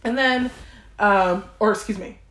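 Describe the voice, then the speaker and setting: Profane, animated woman telling stories in a roomy space. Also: mid-range voice, unhurried. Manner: profane, animated, quoting herself and others. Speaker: podcast host. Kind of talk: casual storytelling. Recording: roomy echo.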